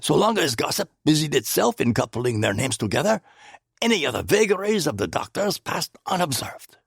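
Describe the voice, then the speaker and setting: A man's voice: on the high side, sing-song, normal speed, creaky, breathy edge, no room sound, clean studio sound, voice pushed up, heavily acted. A man voicing a shrewd, placid older Belgian male detective who speaks precisely and drops French phrases, in an audiobook. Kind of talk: audiobook character voice.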